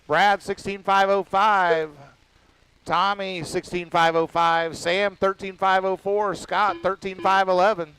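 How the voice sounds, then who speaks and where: A man announcing a radio-controlled car race, rattling off lap counts and times in a casual, quick-fire way. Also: high voice, flat delivery, sharp tone, a little hiss or hum, rough recording. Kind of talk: live race commentary.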